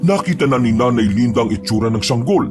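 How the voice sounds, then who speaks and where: A man narrating a horror story in a steady, grave manner. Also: mid-range voice, quick pace. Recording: narration over loud music.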